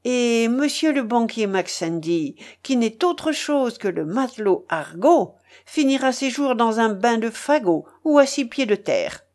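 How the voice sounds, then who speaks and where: A woman voicing a furious, thundering older male rear admiral in a storybook reading, booming and indignant. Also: expressive, unhurried, a little mellow.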